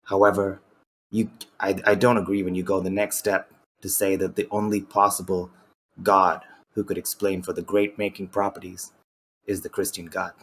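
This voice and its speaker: A man calling in to an online debate, talking in a deliberately lowered, unnaturally deep put-on voice that sounds husky. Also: flat delivery. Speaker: caller debating the host.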